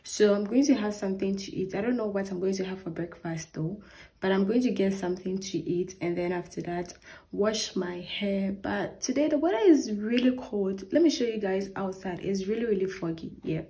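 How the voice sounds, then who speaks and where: A woman's voice: mid-range voice, normal speed, mellow. A young woman from Ghana chatting casually to camera in a vlog, upbeat and chatty, filling with "yeah" and "like", filmed on a phone held at arm's length in a small bedroom. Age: young adult. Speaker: vlogger.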